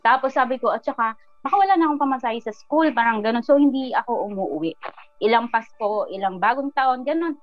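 A woman guest recounting her personal story in an interview, earnest and animated, often trailing off with fillers. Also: a little high, brisk, dry recording. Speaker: guest, business owner. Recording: muffled sound with faint music.

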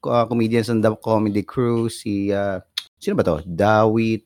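A man co-hosting a podcast in casual chat, relaxed and musing. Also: fairly low pitch, a little slow, dry recording. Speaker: podcast co-host.

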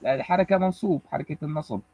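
Quick-speaking student, respectful. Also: male voice, a little high, vocal fry, warm tone, no echo, low-quality recording. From Tunisia. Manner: respectful, addresses the teacher as sir. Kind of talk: answering in class.

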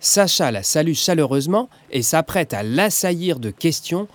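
A man narrating a children's audiobook in a lively, expressive storytelling manner. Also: on the high side, normal speed, no echo.

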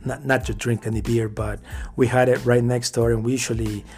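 A man's voice: mid-range voice, a little fast, soft background music. A man from Mexico, a podcast guest telling his faith story in casual, earnest talk and acting out what people said. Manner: earnest, animated storyteller who acts out quoted dialogue.

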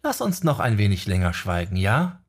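A man's voice: on the low side, sing-song, moderate pace, husky, exaggerated voice. A man voicing a young female necromancer with a dry, exasperated manner in an audiobook. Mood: annoyed. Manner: sardonic, exasperated.

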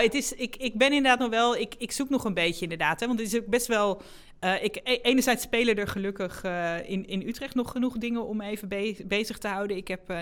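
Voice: medium pitch, fairly bright tone. A politician talking casually about a new role, chatty and full of hesitations. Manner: chatty and hesitant, many fillers and restarts. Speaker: newly elected politician, interviewer. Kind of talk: casual conversation.

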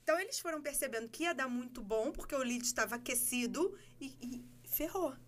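A Brazilian woman telling a story in casual podcast chat, animated and laughing as she acts out dialogue. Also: high-pitched, brisk. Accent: Brazilian Portuguese. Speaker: guest.

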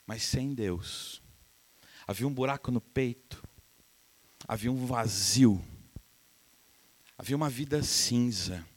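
A man's voice: medium pitch, slow, long pauses. A middle-aged man from Brazil preaching a sermon as pastor, telling stories and acting out the voices of the people in them. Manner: animated, acts out quoted voices, laughs with the congregation. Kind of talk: sermon with storytelling.

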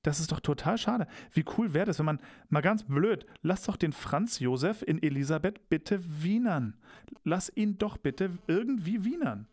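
A man's voice: high-pitched, lively intonation, normal speed, darkish tone. A man in casual conversation, talking animatedly and emphatically, rambling with restarts. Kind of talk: casual podcast chat.

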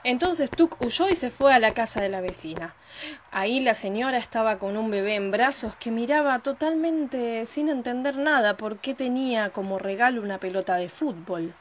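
A woman narrating a children's story in a lively, expressive way. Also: fairly high pitch, moderate pace, a little hiss or hum.

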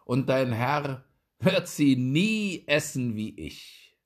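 A man's voice: mid-range voice, lively intonation, takes it slowly, voice pushed up. A man reading a fairy tale, voicing a sly, mocking foreign guest who speaks in a sneering, knowing manner.

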